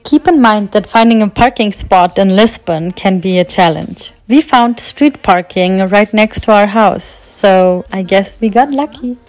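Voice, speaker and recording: A woman narrating a travel vlog in a calm, explanatory scripted voice-over. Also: medium pitch, unhurried, hardly any pauses, no room sound, faint music behind.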